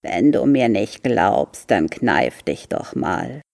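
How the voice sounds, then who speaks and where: Woman putting on a hoarse grumpy pet turtle. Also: rumbling low, sing-song, slow, darkish tone, pitched below the performer's own voice, exaggerated voice. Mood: grumpy impatient. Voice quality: hoarse, hissing. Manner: impatient, sarcastic.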